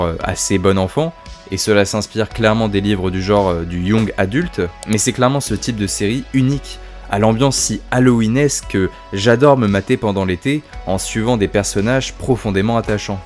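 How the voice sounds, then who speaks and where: A man with a fairly low voice talks through his favourite horror series in a casual video review. He swears freely and mocks himself, piling on enthusiasm. Faint music plays under him. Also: moderate pace, a little mellow. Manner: sweary, self-mocking, enthusiastic.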